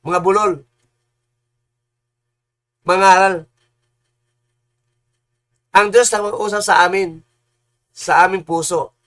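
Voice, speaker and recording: Heated male preacher, high-pitched, combative and repetitive, swings into shouting.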